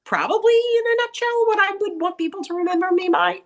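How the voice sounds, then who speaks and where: A middle-aged woman with a raspy, grating, nasal voice, talking bluntly and candidly as an interview guest, acting out what people said. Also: very high-pitched, fast talker. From New York area. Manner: blunt, animated storyteller who acts out quotes. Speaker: interview guest, salon owner and author.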